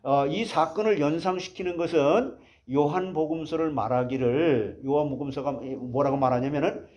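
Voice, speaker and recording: A man's voice: on the high side, normal speed, darkish tone, highs cut off. A man preaching a sermon as pastor, asking the congregation rhetorical questions as he explains a passage.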